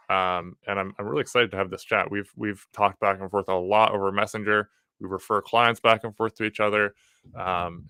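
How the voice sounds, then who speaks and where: A man's voice: lowish voice, bright, forceful tone, clear, resonant tone, dry recording, studio quality. A man hosting a casual conversational interview in an informal, friendly way. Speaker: podcast host.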